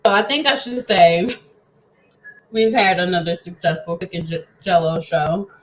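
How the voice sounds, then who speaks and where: A woman's voice: fairly low pitch, moderate pace, poor audio. Chatty woman eating while she talks. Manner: enthusiastic, chatty, talks to viewers as friends. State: eating, talking with mouth full. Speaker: cooking show host. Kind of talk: casual live cooking show chat.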